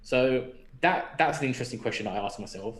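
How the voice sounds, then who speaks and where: Speaking a little fast and animated at a medium pitch, a young man from London muses aloud on a podcast, posing questions to himself in a casual, reflective way. His London accent comes through a roomy echo.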